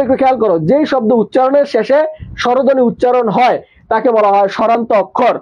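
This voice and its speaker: A man's voice: very high-pitched, lo-fi sound. A man teaching a live online class, asking his students questions and answering them himself while repeating the key terms. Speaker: nursing admission teacher.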